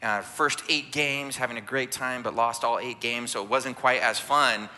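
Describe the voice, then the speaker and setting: A man's voice: mid-range voice, steady tone, moderate pace, pushed and bright. A man leading a church sermon as families ministry director, preaching conversationally and often asking "right?" to draw in listeners. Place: church sanctuary.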